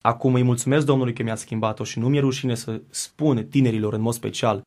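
Creaky-voiced man giving earnest testimony. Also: medium pitch, fairly even intonation, darkish tone. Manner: earnest, reflective, with hesitant restarts. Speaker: guest singer. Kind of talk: personal faith testimony. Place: TV studio.

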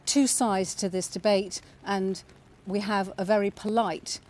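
A woman's voice: mid-range voice, fairly even intonation, measured pace, darkish tone. A middle-aged woman correspondent reporting live from a city street, with many hesitations and restarts. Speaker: news correspondent.

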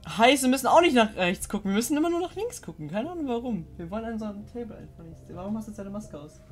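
A young woman streaming a horror game live, chatting with viewers, giggly and excitable, often laughing and shrieking. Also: a little high, very fast, soft background music. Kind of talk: live-stream gameplay commentary.

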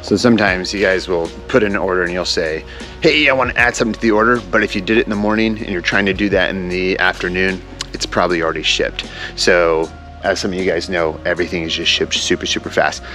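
A man's voice: low-pitched, fairly even intonation, fast talker, sharp tone, soft background music. A man in his thirties hosting a casual, upbeat walk-through tour of a large warehouse on a lapel mic. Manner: upbeat, enthusiastic. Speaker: vlog host.

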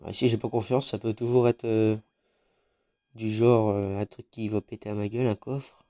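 With a French accent and a stuffy head cold, a gaming YouTuber commentates a mobile battle royale. His lowish, mellow voice is flat and at normal speed, and he chats informally with frequent fillers.

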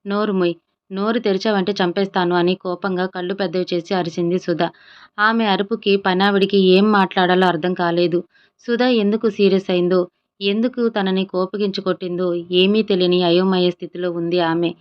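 Woman narrating a story, flat steady delivery. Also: on the low side, normal speed, clean tone, lo-fi sound. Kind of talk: Telugu audio story narration with voiced dialogue.

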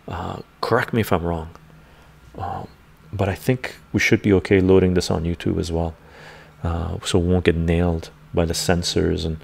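Speaking in a low, gravelly voice through a congested chest, an older man runs a relaxed livestream among his bookshelves at home. He rambles, chuckles and reads the chat aloud, a desk microphone set in front of him.

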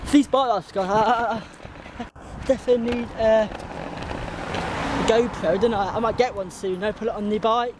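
Cycling on suburban roads, an English-accented man in his twenties rambles informally to his viewers in a high, fairly even voice at normal speed, pausing often. The handheld camera is at arm's length, and the recording is very noisy with wind and traffic.

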